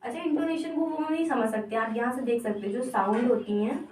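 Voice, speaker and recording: A woman teaching an exam-prep lesson, explaining slowly and often checking that her students follow. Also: a little high, darkish tone, a little hiss or hum. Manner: explains slowly, repeating words and checking understanding with "theek hai". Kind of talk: exam-prep lesson in mixed Hindi and English. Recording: echoey room, voice from a distance.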